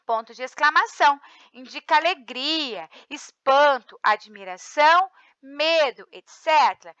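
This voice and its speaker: A woman's voice: high voice, lively intonation, measured pace, pushed and bright, no echo, muffled recording. A Brazilian woman teaching a recorded class, reading the textbook aloud and often checking in with her students. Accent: Brazilian Portuguese. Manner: reads textbook aloud, checks in with frequent tag questions. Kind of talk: recorded remote class lesson.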